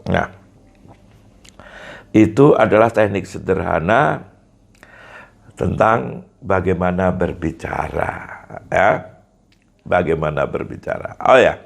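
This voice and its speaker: Male speaking coach, middle-aged, slow and deliberate, low gravelly voice. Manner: slow, deliberate, demonstrates rhythm and emphasis aloud. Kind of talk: instructional talk to an audience.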